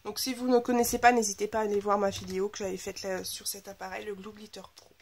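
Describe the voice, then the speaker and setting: A scrapbooking vlogger chats enthusiastically in a casual haul video, gushing over her new craft supplies. Her slightly blocked, nasal voice sits at a medium pitch with little pitch movement, and she talks at a quick pace. A faint hiss or hum is audible.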